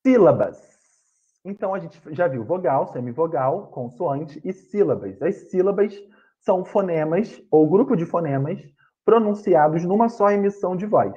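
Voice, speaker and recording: A man's voice: high-pitched, lively intonation, normal speed, warm tone, muffled recording. A man with a Brazilian Portuguese accent teaching an online grammar lesson over a video call, explaining patiently, repeating points and correcting himself.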